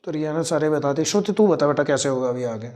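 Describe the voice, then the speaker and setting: A male teacher who teaches a chemistry class, fondly teasing and mock-scolding his students while slowly spelling out formulas step by step. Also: on the high side, expressive, darkish tone. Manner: affectionate, teasing and scolding, calls students "beta".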